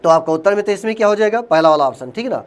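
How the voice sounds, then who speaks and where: Man, high voice, Hindi accent, exam-prep grammar lesson, quizzing and answering himself. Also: animated, rapid-fire. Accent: Hindi, Uttar Pradesh. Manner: explains by asking quiz questions, then answers them himself, calls listeners friend.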